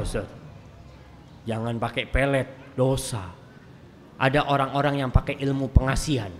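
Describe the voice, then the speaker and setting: A man preaching a lively lecture in a mosque, swinging between loud and soft and joking with the congregation. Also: medium pitch. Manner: banters with the congregation. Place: large mosque hall. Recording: mosque hall reverb, faint room noise.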